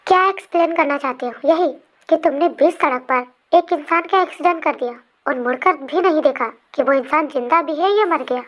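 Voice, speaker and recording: A woman's voice: sits high, brisk, lo-fi sound, natural voice. A woman voicing a young man who coldly threatens and rejects his former lover, in a fan storybook reading. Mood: accusing. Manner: cold, threatening.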